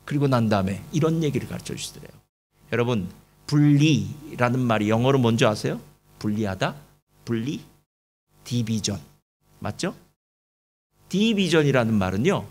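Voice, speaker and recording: A man preaching a sermon to a church congregation, telling a story with lively asides and rhetorical questions to the listeners. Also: medium pitch, normal speed, long pauses. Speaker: pastor. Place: church service.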